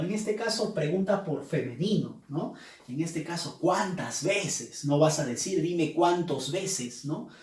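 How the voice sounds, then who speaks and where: A man's voice: fairly high pitch, a little mellow, slight background noise. A male teacher, possibly, explaining grammar in an emphatic way, stretching key words and often checking with "¿ya?" and "¿no?". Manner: checks in with rhetorical "¿ya?" and "¿no?". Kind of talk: grammar lesson. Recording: roomy, mic far off.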